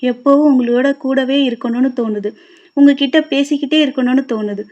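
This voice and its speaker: A woman's voice: sits high, a little fast, darkish tone, voice pushed up, lightly acted. A woman voicing a clingy young mistress who pleads through sobs. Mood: tearful pleading. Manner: pleading, sobbing, needy. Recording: dull lo-fi recording.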